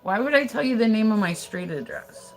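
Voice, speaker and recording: A brisk, expressive woman's voice on the high side comes from an American livestreamer at her house, with faint music behind. She chats and gossips loosely and profanely, packed with "like" fillers, replying to her viewers along the way.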